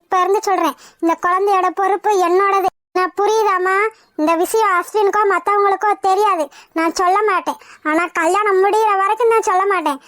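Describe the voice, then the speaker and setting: Brief: a forceful cartoon mother-in-law, very high pitched, dry close recording. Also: steady tone, brisk, no room sound. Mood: soothing. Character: fierce protective middle-aged mother-in-law. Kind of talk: cartoon voice acting.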